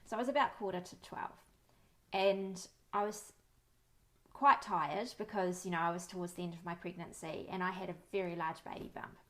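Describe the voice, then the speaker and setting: Calm New woman giving parenting advice. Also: fairly low pitch, moderate pace. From New Zealand. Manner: friendly, anecdotal, calm and reassuring. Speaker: parenting educator. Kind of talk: talking-to-camera advice.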